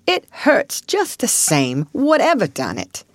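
A woman's voice: mid-range voice, very animated, a little slow, no room sound, pitched above the performer's own voice. A woman voicing a grumbling, plaintive male mole with a stubbornly literal, pettish manner in a storybook. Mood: impatient, aching. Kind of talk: storybook character voice.

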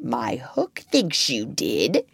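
A woman's voice: mid-range voice, very animated, slow, fairly bright tone, no echo, pitched above the performer's own voice, exaggerated voice. A woman voicing a sardonic male pirate captain in a storybook reading, theatrical and full of mock-pleasant menace. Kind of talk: storybook narration character voice.

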